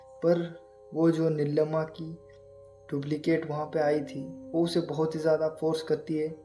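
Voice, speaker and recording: A man casually telling a horror story and speaking straight to his listeners. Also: a little high. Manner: addresses listeners directly, even and unhurried. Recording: echoey room with faint music.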